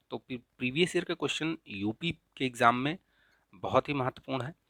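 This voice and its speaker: A man teaching an exam-prep lesson in a casual, explanatory way, often checking in with "ठीक है?" and slowly repeating correct spellings. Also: medium pitch, creaky, a bit bright, dry recording. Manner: frequent checks of "ठीक है?" and filler "अ"; repeats the right spellings slowly to stress them. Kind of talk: casual explanatory lesson, walking through a paper.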